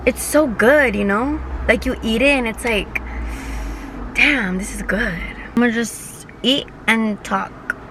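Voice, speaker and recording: A woman's voice: on the high side, measured pace, few pauses, noisy background. A young woman in her twenties chatting casually while she eats in a parked car, rambling through a story with lots of fillers and easy swearing. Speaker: vlogger. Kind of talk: casual mukbang storytime chat.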